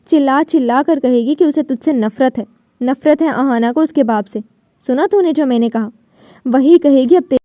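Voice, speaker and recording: A woman's voice: sits high, warm tone, dry recording, clean studio sound, natural voice. A woman reading the part of a vengeful young man in an audiobook novel, with a menacing, sneering delivery.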